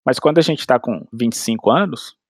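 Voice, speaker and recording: A man's voice: mid-range voice, slightly rough, no room sound. Man explaining patiently in a dry room. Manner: explains with everyday analogies and acted-out inner dialogue; halting, with frequent restarts. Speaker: language expert guest. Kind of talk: casual explanatory chat.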